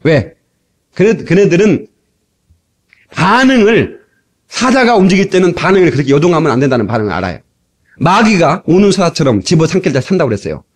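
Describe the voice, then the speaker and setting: A male pastor delivers a fiery sermon, his fairly high voice leaping up and down as he shouts and acts out little scenes. The sound comes from an old cassette tape transfer. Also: very animated, fairly quick, pauses often. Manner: emphatic, shouting exhortations, acting out voices, bursts of laughter.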